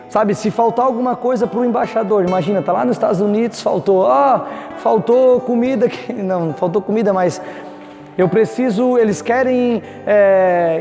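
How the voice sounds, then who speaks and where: Brazilian pastor guy preaching hard, lots of restarts, kinda high voice, echoey with quiet guitar. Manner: fervent preaching, many restarts, voices imagined objections. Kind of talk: teaching sermon to cell leaders. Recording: echoey room with long reverb, soft guitar behind.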